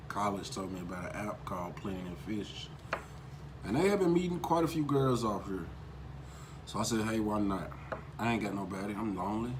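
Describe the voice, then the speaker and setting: A man, telling stories casually in a relaxed, slangy, joking way. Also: low voice. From Memphis, USA. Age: 20s. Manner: laid-back, slangy, joking. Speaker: vlogger's husband. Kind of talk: casual storytelling. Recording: noticeable background hiss.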